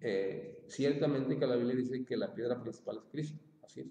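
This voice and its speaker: A man's voice: medium pitch, moderate pace, dark tone. Man teaching Bible in an echoey hall. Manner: plain, repeats points, many fillers and "¿ya?" checks. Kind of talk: informal Bible class.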